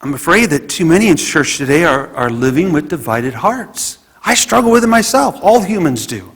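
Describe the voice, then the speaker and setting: A man's voice: fairly high pitch, sing-song, normal speed, fairly bright tone, husky, in a large hall. A man preaching a sermon as pastor in a church, talking earnestly and conversationally and often restarting his sentences. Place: church sanctuary.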